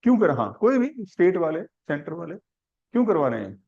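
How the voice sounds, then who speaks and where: A man's voice: fairly high pitch, sing-song, a little fast, a little mellow, slightly rough, muffled recording. A man teaching a civics class, asking questions and building the answer step by step through simple examples. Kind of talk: classroom lecture.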